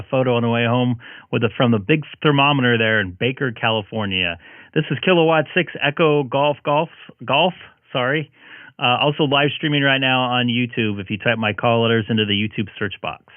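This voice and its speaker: A man's voice: mid-range voice, a bit bright, clear, resonant tone, dry recording. Male radio streamer, hungover and worn out, loose rambling chat, close dry sound. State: tired and hungover, with a headache. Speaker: live-streaming ham radio operator.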